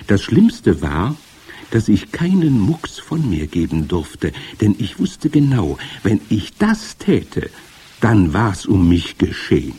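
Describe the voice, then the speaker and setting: A man narrating a storybook in the first person, with hushed, tense storytelling. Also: deep voice, husky.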